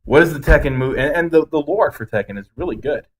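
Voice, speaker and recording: A man with a slightly high, animated voice talks fast as he co-hosts a podcast. It's a loose, ranting movie review conversation where he delivers blunt, emphatic opinions and swears a bit.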